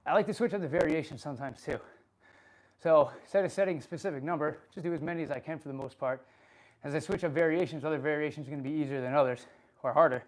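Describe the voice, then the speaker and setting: Breathy guy talking between sets at home, kinda high voice, swears a lot, laid back. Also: quick pace. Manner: casual and profane, laughing often. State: out of breath from exercise. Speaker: fitness coach answering live chat. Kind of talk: casual livestream Q&A while working out. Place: home workout space.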